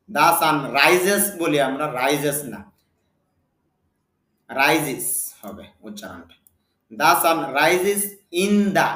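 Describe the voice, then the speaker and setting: A man giving a spoken English lesson, reading example sentences slowly and asking and answering his own questions. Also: fairly high pitch, fairly bright tone, roomy sound. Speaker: English teacher.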